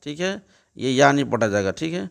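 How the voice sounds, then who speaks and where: A man's voice: mid-range voice, animated, gravelly. A man teaching Quran recitation, spelling out letters and vowel marks step by step and switching between chanted recitation and plain spoken explanation. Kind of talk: recitation lesson.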